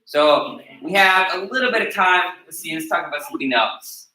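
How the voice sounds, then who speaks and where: This American taekwondo instructor's voice is fairly high, animated and sharp, at a moderate pace. He teaches his martial arts class instructively, checking in with an "okay?" after every point, and the recording is distant in an echoey room.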